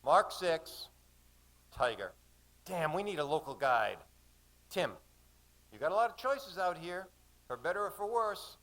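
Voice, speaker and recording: A man voicing a gruff male sailor who shouts down from the rigging. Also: on the high side, big pitch swings, unhurried, long pauses, voice pushed up, heavily acted, poor audio. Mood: calling out. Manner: shouted calls.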